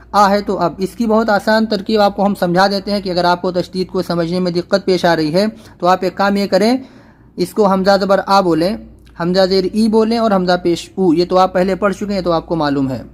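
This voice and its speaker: A man teaching Quran reading step by step, patiently repeating letter spellings slowly and firmly. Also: high voice, fairly even intonation. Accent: Urdu. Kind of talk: step-by-step recitation lesson.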